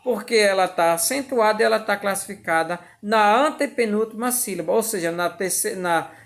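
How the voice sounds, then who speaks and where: A woman with a Brazilian Portuguese accent teaches a lesson at an unhurried pace. Her voice sits at an ordinary middle pitch. She repeats points patiently and keeps checking that her students follow. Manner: patient, repetitive, checks understanding often. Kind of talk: classroom lesson explanation.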